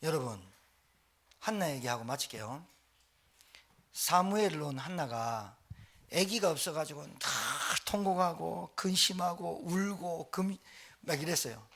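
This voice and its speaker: A male pastor preaching a sermon in a church, talking fast with lively, exclamatory delivery. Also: on the high side, vocal fry. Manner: fast-talking, admits speaking too quickly.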